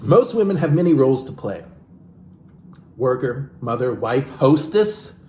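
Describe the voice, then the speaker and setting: Swinging widely in pitch around a medium, darkish voice, a man performs a self-help book at a measured pace with theatrical playfulness, interrupting it with his own wry jokes as comic commentator. Echo and background hiss fill the recording.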